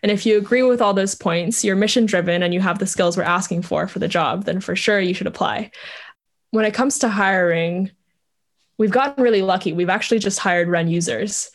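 A young woman from Vietnam talks casually as an interview guest. She laughs easily and fills her talk with "like" and "um". Her pitch sits in a middle range. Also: fairly quick. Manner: chatty, laughs often, many fillers. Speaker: startup co-founder, guest.

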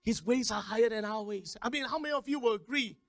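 A man preaching a sermon, repeating words in quick stammering runs and calling on the congregation to respond. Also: very high-pitched, a bit bright, dry recording, clean studio sound. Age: 50s. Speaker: pastor.

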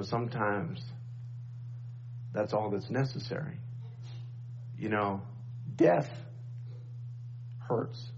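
A middle-aged pastor preaching a sermon at a pulpit microphone, repeating refrains and calling for amens. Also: male voice, fairly low pitch. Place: church sanctuary, at a pulpit microphone. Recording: dull church recording with faint hum.

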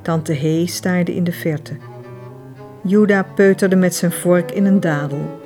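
A woman reading a novel aloud in calm, measured audiobook narration. Her voice sits on the low side and sounds dark and mellow. She tells the story evenly. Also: soft background music. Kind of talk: scripted narration.

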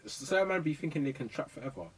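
A man's voice: fairly high pitch, lively intonation, fast. A man with a London roadman accent chatting casually in street slang as an interviewer. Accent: London roadman, urban slang. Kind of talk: casual chat. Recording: distant mic, faint background noise.

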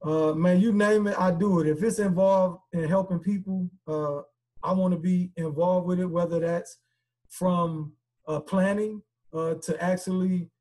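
A man's voice: sits high, steady tone, unhurried, darkish tone. A man guest speaker on a podcast, talking earnestly and casually with many fillers and repeats. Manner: earnest, repetitive, conversational with filler words.

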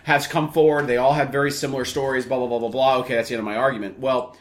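A man's voice: medium pitch, fairly even intonation, racing. A young man hosting a casual podcast, telling long rambling stories full of vulgar jokes. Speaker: podcast host. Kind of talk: casual crude podcast banter.

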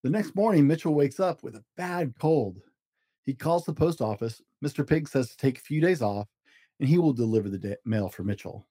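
A man hosts a read-along, reading a children's storybook aloud in a relaxed, mellow, medium-pitched voice at a fairly quick pace with animated rises and falls. The recording is dry with no echo, and his delivery is simple and expressive for young listeners.

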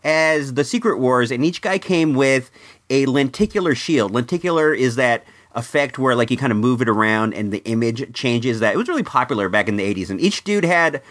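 A middle-aged man talks casually as a toy review host, mixing nostalgic stories with wry commentary. His pitch moves around in a lively way. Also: a little fast. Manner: conversational, wry. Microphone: microphone in a room.

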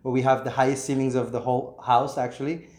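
A man's voice: medium pitch, flat delivery, quick pace, a little mellow. A man in his thirties, a realtor guest in an empty apartment, talking frankly and earnestly with many "you know"s. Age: 30s. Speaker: realtor and property investor, guest. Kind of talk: casual interview. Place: vacant apartment unit indoors. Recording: echoey empty room.

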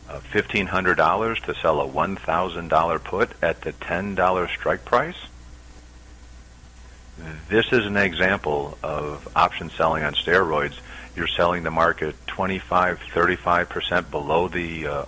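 A middle-aged man, a commodity options trader, explaining his strategy as a guest on a radio interview, steady with frequent "uh" pauses. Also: low voice, low-quality recording.

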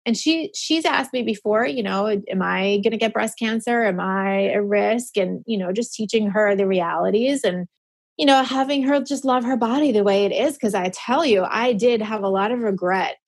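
A woman's voice: a little high, moderate pace, husky. A woman in her forties talking openly and earnestly as an interview guest, emotional at times. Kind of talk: candid personal conversation.

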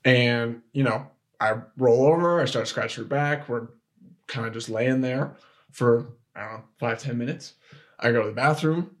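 Young man, podcast guest, casual storytelling, frequent restarts, filler words, average pitch. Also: normal speed. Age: young adult.

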